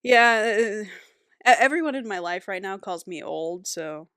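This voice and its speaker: A woman's voice: medium pitch, animated, unhurried, fairly bright tone, clean tone, dry recording. Woman in her 20s, podcast co-host, casual rambling chat, filler words, dry close sound. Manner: rambling, many ums and uhs, apologizes for tangents.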